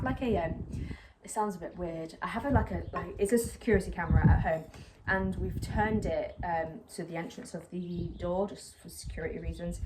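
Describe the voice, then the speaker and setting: On a slightly windy patio by a brick wall, a young plant vlogger from England repots a plant and chats to the camera in a voice on the low side. Her talk is rambling, self-conscious, and packed with fillers, over clear outdoor background noise.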